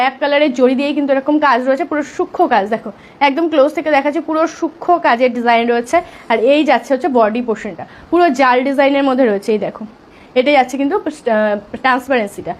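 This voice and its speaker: A woman selling sarees on a live stream, talking softly because of a sore throat and urging viewers to book fast. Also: high-pitched. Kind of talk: live sales pitch.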